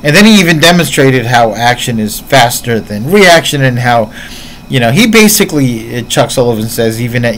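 Man, casual martial arts commentary, earnest, thinks aloud, average pitch. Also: fairly bright tone, slight background noise, rough recording.

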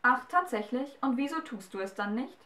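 Eine Frau spricht ein uraltes, schnippisches Hexenmädchen mit spitzer, sarkastischer Art. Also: female voice, high voice, lively intonation, moderate pace, sharp tone, echoey room, pitched above the performer's own voice. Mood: spöttisch. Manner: snappy, sarcastic. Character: defiant half-witch girl, centuries old, sharp-tongued.

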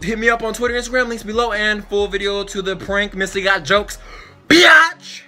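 A young man giving casual, profane, slangy and excitable reaction commentary. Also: high voice, fast, faint music behind. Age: young adult. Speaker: reaction video host. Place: small bedroom indoors.

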